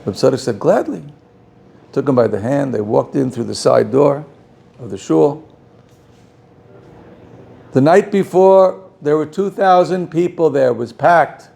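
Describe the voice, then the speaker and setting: A man, a rabbi, telling a story in a sermon, quick and dramatic in the narration. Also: medium pitch, gravelly, a little mellow.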